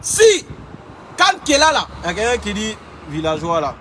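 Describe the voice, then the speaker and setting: High-voiced Ivorian man ranting indignantly. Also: wildly swooping pitch, normal speed, bright, forceful tone, a little hiss or hum. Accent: Ivorian French. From Côte d'Ivoire. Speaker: blogger. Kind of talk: heated vlog rant.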